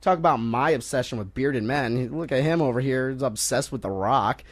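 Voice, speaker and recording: A young man hosting a casual sports talk radio show, joking and rambling between topics and quick to laugh. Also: medium pitch. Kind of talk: casual college radio banter.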